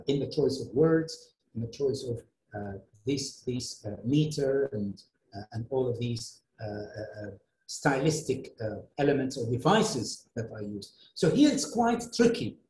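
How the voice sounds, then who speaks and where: A man's voice: mid-range voice, lively intonation, unhurried, a little mellow. A middle-aged man with Arabic as his first language, giving an academic lecture in English in a hesitant way, full of fillers and restarts. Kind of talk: academic lecture answering a question. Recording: roomy echo.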